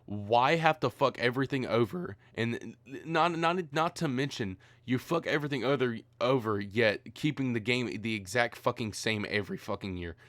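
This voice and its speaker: A man's voice: mid-range voice, normal speed, few pauses, fairly bright tone, no echo. A tired man ranting profanely in a rambling, exasperated gaming commentary.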